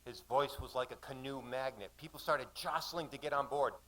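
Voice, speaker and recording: A man in his sixties performing a sea story to a live audience at a café, shouting out the sailors' calls. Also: medium pitch, moderate pace, low-quality recording. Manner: dramatic, shouts out the calls and quoted voices. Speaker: storyteller reading at a poetry gathering.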